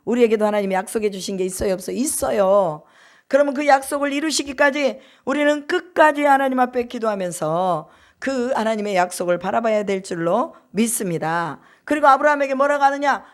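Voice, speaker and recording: Storytelling woman pastor preaching. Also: fairly high pitch. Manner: storytelling preacher, asks the congregation questions and answers them herself. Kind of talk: sermon.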